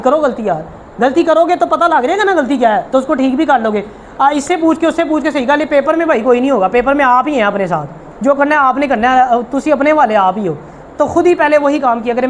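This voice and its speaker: A male teacher talks in a quick rush of words, his voice sitting high for a man. He is emphatic and repetitive, coaxing students directly through an informal tutorial, with faint noise behind him. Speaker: shorthand teacher.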